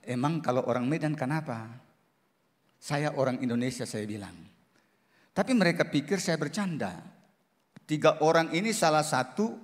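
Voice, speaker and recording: A middle-aged man, a pastor, telling a personal testimony in a sermon, moving between hushed and loud passages. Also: mid-range voice. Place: church service hall. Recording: long hall reverb.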